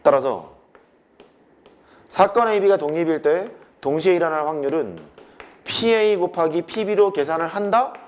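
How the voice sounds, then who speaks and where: Male math lecturer, slightly high voice, lively swings in pitch, casual and repetitive with students. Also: normal speed, long pauses. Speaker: math teacher.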